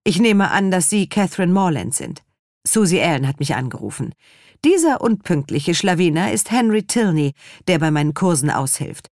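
A woman voicing a brisk, mock-stern middle-aged dance teacher in an audiobook reading. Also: fairly low pitch, expressive, darkish tone, no echo, studio quality, close to an everyday voice.

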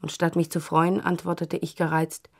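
A woman narrating a literary novel in the first person, with measured, even storytelling. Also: fairly low pitch, creaky. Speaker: audiobook narrator.

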